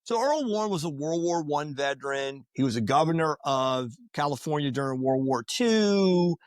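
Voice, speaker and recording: A man with a somewhat high voice spins stories in a relaxed podcast chat. He talks with animation and slips into quick character voices for the people in his tales. The sound is close and dry. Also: no room sound. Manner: animated, acts out quoted voices. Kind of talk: casual podcast storytelling.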